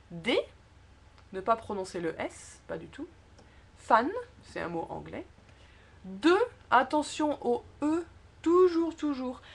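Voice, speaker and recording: A woman gives a pronunciation lesson in a slow, deliberate voice that sits a little high. She breaks words into syllables and leans hard on important words, repeating them for emphasis. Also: husky. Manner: slow, careful syllable-by-syllable explanation. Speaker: French pronunciation teacher. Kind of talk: spoken language lesson.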